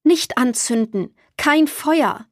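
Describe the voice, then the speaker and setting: A woman's voice: on the high side, slow pace, dry recording, clean studio sound. A woman voicing a strange plant-like boy from the forest who talks in simple broken phrases. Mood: earnest.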